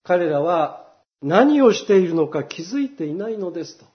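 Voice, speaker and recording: Male pastor giving an earnest sermon, somewhat high voice, muffled low-fidelity sound. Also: sing-song, normal speed. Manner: earnest preaching, swells loud on emphasis. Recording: dull lo-fi recording.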